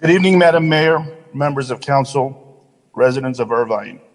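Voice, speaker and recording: A man's voice: mid-range voice, normal speed, slight background noise. A man giving a public comment at a city council meeting, indignant and firing off rhetorical questions. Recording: long hall reverb.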